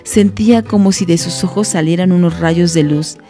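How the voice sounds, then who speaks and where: A woman, a community radio host reading a children's story and explaining it in a gentle, teacherly way. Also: fairly low pitch, normal speed, faint music behind. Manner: gentle, teacherly, many fillers.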